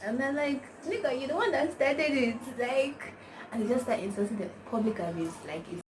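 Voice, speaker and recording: A young vlogger with a Nigerian accent talks a little fast in a high-sitting, expressive voice. Her casual to-camera chat meanders through anecdotes, heavy on slang and "like." The recording has a distant mic and a noisy background.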